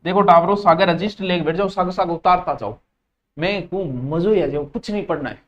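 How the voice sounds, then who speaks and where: A man's voice: sits high, fairly quick, lo-fi sound. A man with a Rajasthani accent teaching a live exam-prep class. He drills key terms by repeating them.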